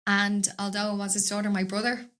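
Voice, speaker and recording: A woman's voice: medium pitch, monotone, a little fast, fairly bright tone. A woman with a Dublin accent, a podcast guest chatting casually in a studio, rambling from story to story and laughing often. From Dublin, Ireland. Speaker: podcast guest, business owner. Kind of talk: casual interview chat.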